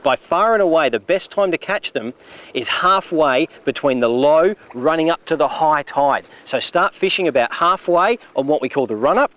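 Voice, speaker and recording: A middle-aged Australian man hosting a fishing show, explaining technique on a riverbank and getting excited when fish bite. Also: fairly high pitch, normal speed. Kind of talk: on-location fishing demonstration. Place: outdoors on a river beach.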